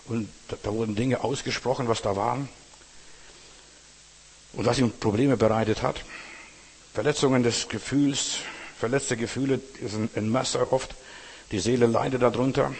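Male preacher, husky and earnest, sermon addressed to "you", long hall reverb. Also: mid-range voice. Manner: earnest, addresses listener directly, repeats words.

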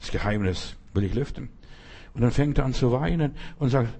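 A man's voice: medium pitch, a little fast, husky. A man preaching a conversational sermon, talking straight to one listener and acting out the stories he tells. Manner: speaks directly to one listener, often asks "weißt du"; animated storytelling, acting out quoted voices.

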